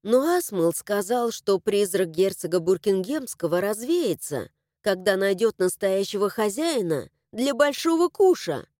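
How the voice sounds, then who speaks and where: Woman narrator, fantasy audiobook, animated and mellow, dry close read. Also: mid-range voice, measured pace, hardly any pauses, no room sound. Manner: expressive, animated storytelling.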